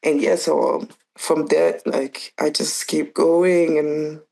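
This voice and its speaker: A woman's voice: low voice, flat delivery, takes it slowly, creaky, mellow, husky. A young woman from Belgium, a dancer and choreographer, chatting loosely as an interview guest, with frequent restarts and fillers. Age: young adult. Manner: loose and searching, full of restarts and "like". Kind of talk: casual interview chat.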